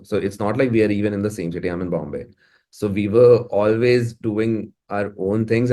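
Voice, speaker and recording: In a mellow, lowish voice, an Indian-accented music producer talks through an interview. The conversation is casual, and he speaks effusively.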